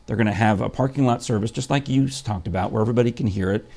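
Gravelly-voiced chatty male host. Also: lowish voice, rapid-fire, darkish tone. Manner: chatty, rambling with fillers and restarts. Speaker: show host. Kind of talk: casual morning chat.

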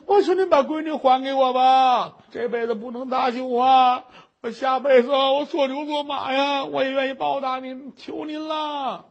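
A man doing a wailing raspy widow. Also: high-pitched, big pitch swings, dull audio, full character voice. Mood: wailing plea. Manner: sobbing, pleading, drawn-out wails. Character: wailing poor middle-aged widow.

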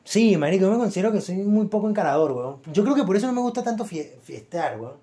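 High-voiced Venezuelan guy chatting loosely. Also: expressive, fast talker, mellow, breathy edge. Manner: loose slangy storytelling, many fillers and repeats. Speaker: podcast co-host. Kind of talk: casual chat.

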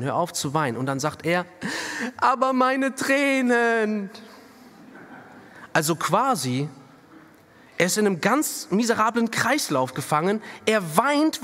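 A middle-aged man preaching a sermon with a fairly high voice. His delivery is animated, dropping to a hush and then rising to emphatic peaks. Long reverb from the church hall trails after his words. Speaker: pastor.

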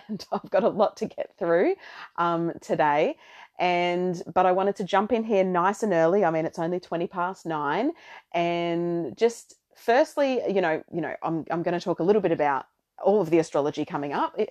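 A middle-aged woman hosting a podcast, chatting casually and theatrically in a rambling way. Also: on the low side. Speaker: astrology podcast host. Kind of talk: casual solo podcast chat.

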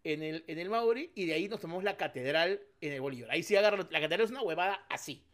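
A man, co-hosting a casual comedy podcast, loud and teasing, cutting in often. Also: high voice, lively intonation, fast. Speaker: podcast co-host.

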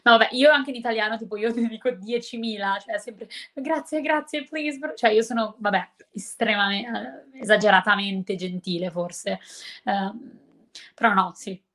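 A woman's voice: medium pitch, steady tone, moderate pace, fairly bright tone. Chatty woman, English teacher. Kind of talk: casual chat.

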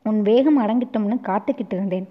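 A patient, tender man , as a woman storyteller puts him on, soothes someone in a hushed, lowered voice. His speech is soft and slow to calm. The recording sounds dull and lo-fi. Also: lightly acted. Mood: soothing. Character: gentle consoling grown man comforting a weeping woman.

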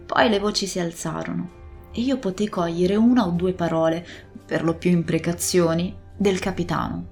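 A woman narrating a classic adventure novel as scripted narration, telling the story in a steady, expressive way. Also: fairly low pitch, normal speed, gravelly, soft background music. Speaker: audiobook narrator.

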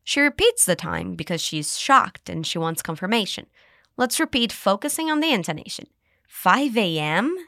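Woman host, English teacher, animated pitch, dry close mic, spells out phrases slowly. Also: gravelly, no room sound. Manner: cheerful, slow model phrases to repeat. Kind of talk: scripted language lesson.

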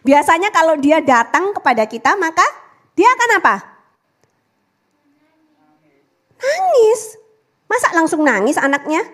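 Animated high-voiced woman preaching a sermon. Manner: animated, calls out to the congregation, drops to whispers for prayer lines. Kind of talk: lively church sermon.

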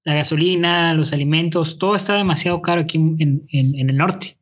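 A young man with a northern Mexican accent hosting a casual chat, talking fast and clipped, often restarting his words. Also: fairly high pitch. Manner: fast, clipped talk with frequent stammered restarts. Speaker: host.

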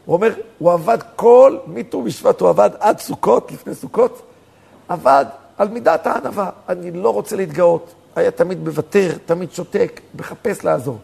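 A man, a rabbi, telling stories in a sermon, swinging from soft talk to emphatic outbursts. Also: high-pitched, gravelly, husky. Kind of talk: storytelling sermon.

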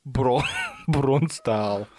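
A man's voice: medium pitch, very slow, noisy background. A man co-hosting a casual chat, reading facts aloud in a playful, giggly way and stumbling over words. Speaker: podcast co-host.

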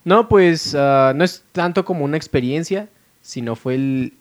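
A man's voice: fairly high pitch, a little slow. A young man with a Mexican accent, a podcast co-host in casual chat, teasing his friends and hesitating with fillers.

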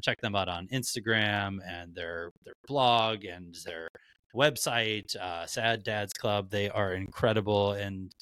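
A man hosts a podcast with a low, bright, forceful voice. He talks candidly and loosely, swearing without a second thought. The sound is dry and close. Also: slow pace, smooth, dry recording. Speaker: podcast host. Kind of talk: casual podcast chat.

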